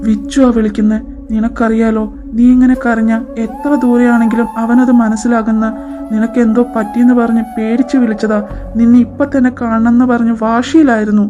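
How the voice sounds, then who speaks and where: A woman's voice: on the high side, level tone, brisk. A woman voicing all the characters of a fan audio drama, moving between worried, soothing and brooding voices. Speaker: fan fiction narrator voicing all roles. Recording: muffled lo-fi home dub. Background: background music.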